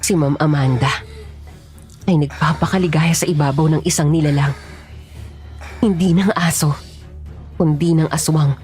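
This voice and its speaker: A woman giving scripted first-person narration of a horror story, serious and steady. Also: low-pitched, normal speed, long pauses, faint music behind.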